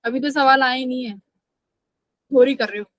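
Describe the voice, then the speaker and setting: A woman's voice: high voice, fairly even intonation, normal speed, no room sound, low-quality recording. A woman teaching a live online physics class, asking questions and answering them herself, and scolding students who skip class.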